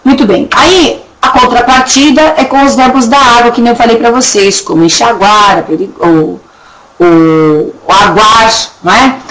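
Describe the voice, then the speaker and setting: A woman teaching a recorded Portuguese grammar lesson with a Brazilian accent, chatty, checking in often with her students and slowly stretching words to show how they are pronounced. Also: on the high side, fairly bright tone, low-quality recording. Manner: drags words out slowly to demonstrate pronunciation. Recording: faint background noise and clicks.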